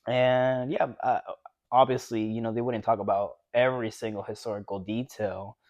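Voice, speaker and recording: A man from Mexico co-hosts a relaxed talk show, wandering through his thoughts and checking in with "right?" as he goes. His voice sits at an ordinary middle pitch. The sound is close and dry, with no room around it. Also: moderate pace, no echo, dull audio. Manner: rambling, leans on "you know" and tag questions. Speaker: podcast co-host. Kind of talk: casual chat.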